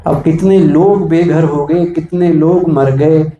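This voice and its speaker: A man delivers a preachy motivational talk to police staff, asking rhetorical questions as he goes. His voice sits high but sounds mellow and dark. It echoes through a hall with faint background ambience. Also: steady tone, slow pace, lo-fi sound. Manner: preachy, asks rhetorical questions, acts out examples. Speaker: spiritual motivational speaker.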